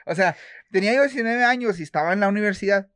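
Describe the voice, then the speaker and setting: A man's voice: high voice, a bit bright, clean tone, no room sound, clean studio sound. A young man with a Mexican accent, co-hosting a casual chat and telling stories in a slangy, joking way. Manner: slangy, joking storyteller, quick asides. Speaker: podcast co-host.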